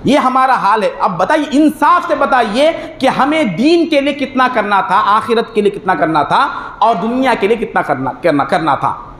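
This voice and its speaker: Male preacher, very high voice, exhorting with rhetorical questions; echoey mosque hall, faint noise. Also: lively intonation, normal speed, fairly bright tone. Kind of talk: religious sermon.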